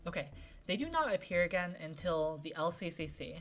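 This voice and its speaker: Low-voiced woman chatting through gameplay. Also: very animated, brisk, a bit bright, slight background noise. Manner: chatty, wandering, answers chat. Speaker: game developer and commentator. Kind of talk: casual let's-play commentary.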